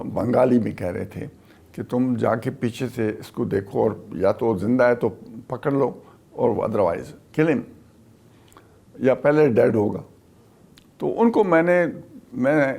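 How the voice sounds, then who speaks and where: An older man from Pakistan, a retired army officer, recounts a wartime memory in an interview, speaking haltingly with many pauses. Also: mid-range voice, creaky, warm tone.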